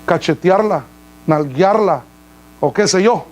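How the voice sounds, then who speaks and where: Preaching slowly but with animation, a high-voiced male pastor speaks to his church, asking questions and calling the people brother. The audio is of low quality.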